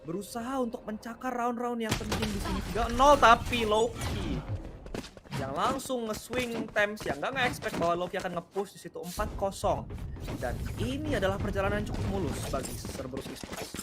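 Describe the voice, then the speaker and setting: High-pitched Indonesian man announcing esports. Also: expressive, normal speed, music in the background. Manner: dramatic phrasing, switches between Indonesian and English. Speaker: esports caster. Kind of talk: excited esports commentary, like a fighting game announcer. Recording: game gunfire and clicks behind voice. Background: gunfire and clicks from game.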